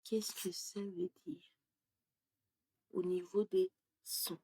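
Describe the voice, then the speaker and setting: A woman teaching French pronunciation, explaining slowly and dropping to a half-whisper as she writes things down. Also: fairly low pitch, flat delivery, dark tone, slightly rough, dry recording. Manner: slow and deliberate, often drops to a half-whisper while writing. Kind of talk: slow explanatory lesson while writing on a board.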